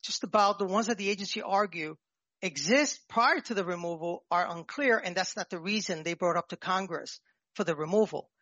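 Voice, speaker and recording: A man with a New York accent argues his own appeal as petitioner in an appellate courtroom, formal but halting and nervous, jumping between points. His voice is high-pitched with a sharp tone. The dull courtroom microphone gives a dry sound with no echo.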